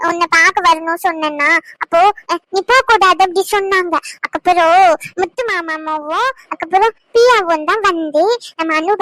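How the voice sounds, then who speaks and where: A woman's voice: very high-pitched, fairly bright tone, no room sound. A woman voicing an innocent, caring little boy in a cartoon, talking in a childish way with baby-talk slips. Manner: childish, lisping mispronunciations. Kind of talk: cartoon voice acting.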